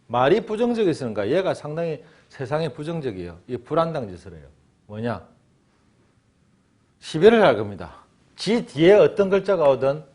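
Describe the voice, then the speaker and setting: A man teaching Chinese in a joking, animated lecture style. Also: on the high side. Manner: animated, joking, acts out little scenes. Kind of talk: lively classroom lecture.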